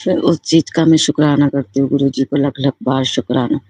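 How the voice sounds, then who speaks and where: A woman's voice: extremely low pitch, fairly even intonation, brisk, mellow, no room sound. Heartfelt woman giving a devotional testimony. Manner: heartfelt, repetitive, fervently grateful. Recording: slightly muffled lo-fi recording.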